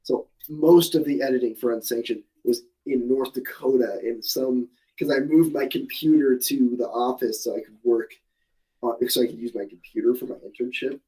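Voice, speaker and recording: A man's voice: mid-range voice, normal speed, dark tone, rough recording. Rambling young man in his twenties. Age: 20s. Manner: rambling, many restarts and fillers, laughs at himself. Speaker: guest. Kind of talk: casual interview.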